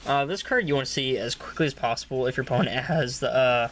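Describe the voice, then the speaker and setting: A man's voice: mid-range voice, expressive, fast, fairly bright tone, slight background noise. A man casually walking through a card game deck, rambling with many fillers and coughing now and then. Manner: rambling, many filler uhs, repeats "really, really". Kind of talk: casual deck profile talk.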